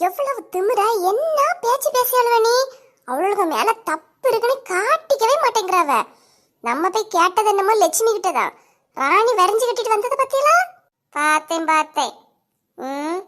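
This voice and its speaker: A woman voicing quarrelling village women in a cartoon comedy, sharp and scolding, with a Kanyakumari Tamil accent. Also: very high voice. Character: bickering village women neighbours, quick-tempered.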